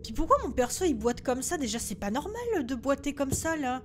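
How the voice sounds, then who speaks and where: High-pitched jumpy woman streaming a game. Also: big pitch swings, brisk, a little hiss or hum. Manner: jumpy, exclamatory, talks to herself. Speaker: gaming streamer. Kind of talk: casual live gameplay commentary. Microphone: headset.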